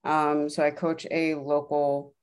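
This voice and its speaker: Woman on a podcast as the guest, lowish voice, just casually chatting about herself. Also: little pitch movement, slow pace, a little mellow, smooth. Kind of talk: casual interview chat, telling own story.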